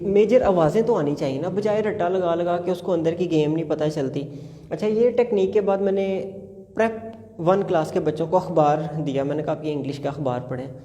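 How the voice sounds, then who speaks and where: Slow-sounding man teaching phonics. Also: a little high, dark tone, in a large hall. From Punjab, Pakistan. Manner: slow drawn-out sounding of words. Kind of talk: phonics lesson.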